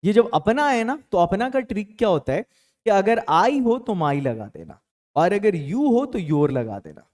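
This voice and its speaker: Male tutor, casual and playful, high voice with big swings in pitch. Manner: lively, repeats example sentences slowly. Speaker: English teacher. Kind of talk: spoken English lesson in Hindi.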